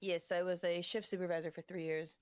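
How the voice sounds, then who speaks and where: A young woman guest on a casual voice chat, bubbly and quick, with casual swearing while she tells stories from work. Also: fairly low pitch, level tone, darkish tone, clean tone. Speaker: guest streamer.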